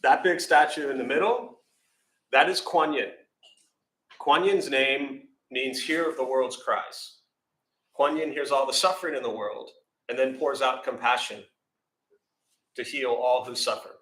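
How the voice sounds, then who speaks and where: Leading an informal dharma talk with questions, an American meditation teacher rambles in a self-deprecating way, full of fillers. His mid-range voice is a bit bright, somewhat slow, and broken by frequent pauses. The temple hall is echoey, and there's a little hiss or hum.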